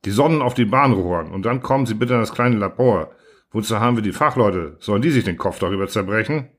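A man doing a gruff, irritable starship commander. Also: lowish voice, animated, fast talker. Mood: grudging. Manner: blunt, sarcastic, flares into shouting. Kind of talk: audiobook character reading.

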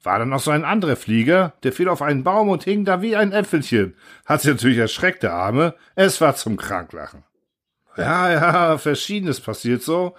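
A man voicing a bumbling male airfield guard who fumbles through a speech with halting fillers, in a storybook reading. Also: on the high side, big pitch swings, fairly bright tone, voice pushed up. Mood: earnest rambling. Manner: halting, rambling, full of fillers.

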